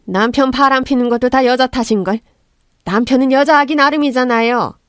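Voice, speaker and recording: A woman's voice: high-pitched, a little fast, fairly bright tone, clean tone, no echo, clean studio sound. A woman voicing a haughty middle-aged mother-in-law who scolds and curses her son's wife. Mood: contemptuous. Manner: contemptuous, scolding, cursing.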